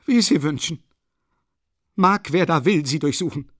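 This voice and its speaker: A woman's voice: low-pitched, unhurried, no room sound, clean studio sound, voice pushed up. An actor reading an audiobook, playing a frantic, furious woman who shrieks and scolds. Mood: frantic shrieking.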